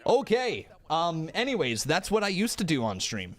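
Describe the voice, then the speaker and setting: A man's voice: on the high side, moderate pace. A man from Canada in his thirties, a pro wrestling streamer chatting casually to his live chat, joking at himself and swearing now and then. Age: 30s. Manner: animated, talks straight to chat, swears, jokes at himself. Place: room in his rented home.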